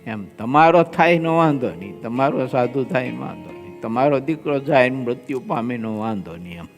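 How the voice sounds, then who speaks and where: A man's voice: mid-range voice, animated, soft background music. A man with a Gujarati accent, a swami giving a devotional scripture discourse, telling anecdotes and voicing the people in them. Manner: slow, drawn-out delivery with quoted voices in anecdotes. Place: large assembly hall with long reverb.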